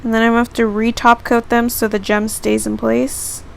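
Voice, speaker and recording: A woman's voice: on the high side, level tone, normal speed, creaky. A teenage girl vlogger casually narrating each step of a beauty tutorial. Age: teens.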